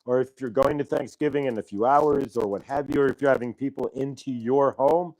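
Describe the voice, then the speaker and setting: Here the same sort of host, a middle-aged man on a casual live stream, talks fairly quickly in a medium-pitched, darkish voice. He rambles, thanks viewers, and keeps using fillers and restarting, all captured by a clip-on transmitter mic in a low-quality recording with no room sound.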